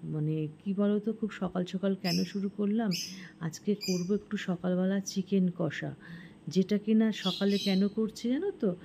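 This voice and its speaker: A middle-aged woman hosting a home cooking vlog, talking quietly in her kitchen early in the morning while filming on a phone held in one hand. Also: on the low side, gravelly, a little hiss or hum. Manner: speaks softly so as not to wake the house. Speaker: cooking vlogger. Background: birds chirping outside.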